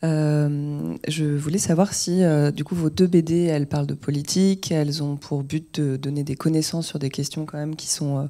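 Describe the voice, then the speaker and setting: A moderator at a public talk, asking the guests polite, measured questions. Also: medium pitch, fairly even intonation, mellow.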